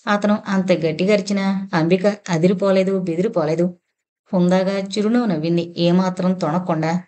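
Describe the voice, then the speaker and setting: A woman narrating a novel in a steady storytelling voice. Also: fairly low pitch, moderate pace.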